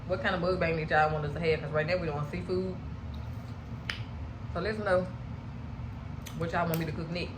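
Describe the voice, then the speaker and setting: A woman's voice: fairly low pitch, steady tone, fairly quick, pauses often. Woman, mukbang co-host, casual chat with food in mouth, roomy noisy recording. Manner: chewing while talking. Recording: roomy echo, clear background noise.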